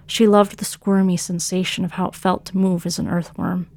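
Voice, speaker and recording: A woman, the author and narrator of a fiction podcast, reading her own story in a measured way that slows for dramatic lines. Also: on the low side, level tone, darkish tone, no room sound.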